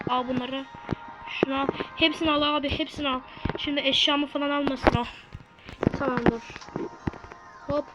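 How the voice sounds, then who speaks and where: A woman host giving chatty, excitable live commentary while playing a game, often bursting into shouts. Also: high-pitched. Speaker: gameplay channel host. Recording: noisy home recording.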